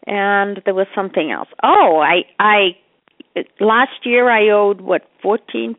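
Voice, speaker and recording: A muffled, narrow phone-line recording carries an older woman's voice at a middling pitch. She talks like a mother leaving a voicemail, casual and rambling. Her thoughts wander and often trail off half finished. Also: dry recording. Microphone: telephone.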